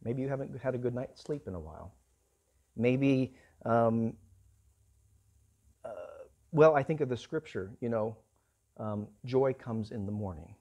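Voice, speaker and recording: A man delivers a sermon in a medium-pitched voice. He preaches earnestly, swelling louder on key points and dropping soft on others. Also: lively intonation, unhurried, long pauses. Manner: earnest preaching, rising and falling in volume. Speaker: pastor.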